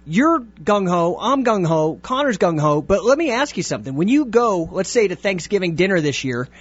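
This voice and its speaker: A man hosting a call-in talk radio show, brisk and quick to cut callers short. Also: sits high, breathy edge, no room sound. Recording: dull lo-fi radio studio sound.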